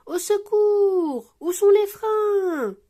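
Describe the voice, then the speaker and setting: A woman voicing a flustered mother pig in a storybook, shrill and panicky. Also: lively intonation, extremely slow, warm tone, full character voice. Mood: panicked.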